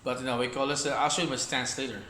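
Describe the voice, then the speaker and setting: Rapid-fire and sharp, with fairly even intonation at medium pitch, a man talks through a casual Wing Chun demo. He rambles, repeats things, and narrates as he demonstrates. The echoey room has faint ambience plus slight background noise.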